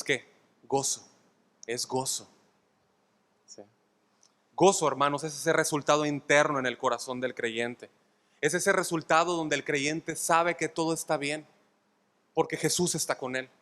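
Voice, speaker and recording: Preaching an expository sermon in a church sanctuary, this man speaks with a Mexican Spanish accent in a voice on the high side with a fairly bright tone. He frequently checks in with his congregation and repeats his points to stress them. The sound carries a long hall reverb.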